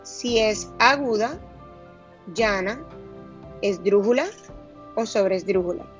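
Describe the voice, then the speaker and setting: Slow, deliberate woman teacher. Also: medium pitch, muffled recording, soft background music. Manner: slow and deliberate, stressing syllables. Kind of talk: recorded grammar lesson.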